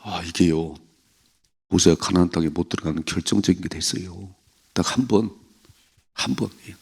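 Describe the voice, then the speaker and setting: A man's voice: deep voice, normal speed, gravelly, a little mellow, slightly rough. A man preaching a sermon at an early morning church prayer service, talking conversationally and putting questions to the congregation. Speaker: pastor.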